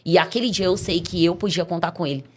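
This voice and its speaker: A middle-aged woman with a Brazilian Portuguese accent tells her testimony in a casual, lively way. She acts out the people in her story as she goes. Her voice sits a little low for a woman. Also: fast talker, a little hiss or hum. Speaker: podcast guest giving a testimony.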